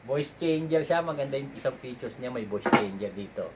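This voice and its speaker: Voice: medium pitch, animated, moderate pace. A chatty vlogger unboxing a gadget in casual talk, reading product features aloud. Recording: noisy home recording.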